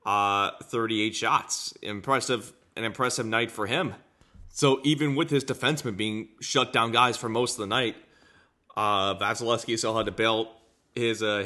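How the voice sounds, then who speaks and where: A man giving unscripted hockey game analysis as a podcast host, halting and repeating himself as he searches for words. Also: on the low side, sharp tone.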